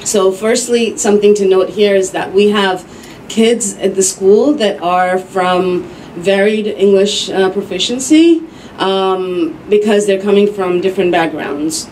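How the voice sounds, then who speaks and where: A woman giving a measured, explanatory talk as a speaker at an academic roundtable. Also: mid-range voice, darkish tone, slight background noise, rough recording. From United States. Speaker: panel speaker.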